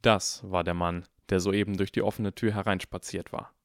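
A man reading a fantasy novel aloud as audiobook narrator, steady and expressive. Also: sits low, moderate pace, dry recording, studio quality. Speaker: audiobook reader. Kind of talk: scripted narration.

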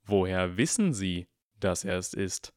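Man doing calm wry dad, low and slow, storybook reading. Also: dry recording, clean studio sound. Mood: worried. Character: dry, worried father of a boy.

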